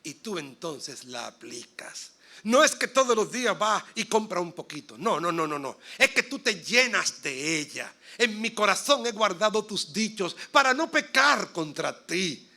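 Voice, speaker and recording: A man, a pastor, preaching a sermon to his congregation. He swings from soft asides to loud, emphatic bursts and puts questions straight to the listeners. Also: high voice, very animated, a little slow. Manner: addresses the congregation directly with questions. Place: church sanctuary.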